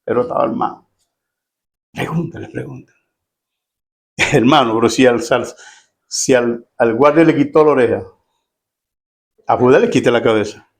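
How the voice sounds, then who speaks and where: A man's voice: medium pitch, moderate pace, pauses often. A middle-aged male pastor preaching a sermon to his congregation in a conversational way, acting out quoted voices and asking the listeners questions. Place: church.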